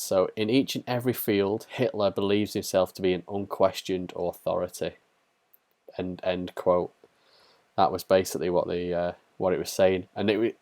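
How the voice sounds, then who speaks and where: A man co-hosting a podcast livestream, talking in a relaxed, rambling way with lots of fillers. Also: sits low, no echo. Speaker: podcast co-host. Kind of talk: casual livestream chat.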